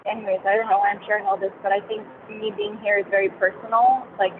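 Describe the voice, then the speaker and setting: A woman's voice: mid-range voice, level tone, quick pace. A woman on a phone call from her moving car, sharing casually with a group and rambling with many fillers and restarts. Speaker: participant in a women's discussion call. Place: driving in a car. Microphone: headphones on a call. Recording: tinny phone line with car noise.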